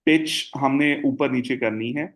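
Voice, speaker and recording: Slow, steady male trainer explaining scoring. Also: mid-range voice. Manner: explanatory, mixes Hindi and English terms, frequent fillers. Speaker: ABA therapy trainer.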